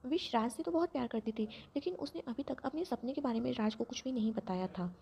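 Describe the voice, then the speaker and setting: Gravelly-voiced woman reading a story. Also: a little high, fairly quick, dark tone, slight background noise. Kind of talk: scripted story narration. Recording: dull lo-fi recording.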